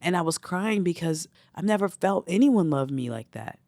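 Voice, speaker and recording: A man, a spiritual teacher, telling a personal spiritual story in a reflective way, often filling pauses with "you know". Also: high voice, expressive, darkish tone, no echo.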